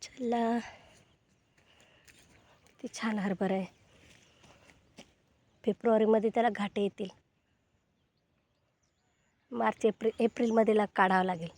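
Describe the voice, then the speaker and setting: A woman's voice: mid-range voice, steady tone, measured pace, long pauses, no echo. A woman vlogging outdoors on her farm, chatting casually as she walks around with a phone camera. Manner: chatty, gets loud and coaxing when feeding goats. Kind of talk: casual walk-through narration.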